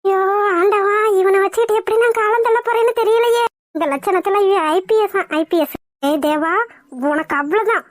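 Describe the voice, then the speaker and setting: A bossy young village woman scolds in a cartoon, as a woman voices her. Her voice sits very high and bright, and she rattles off quick retorts at a brisk pace in a dry, close sound. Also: no room sound. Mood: scolding. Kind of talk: cartoon voice acting.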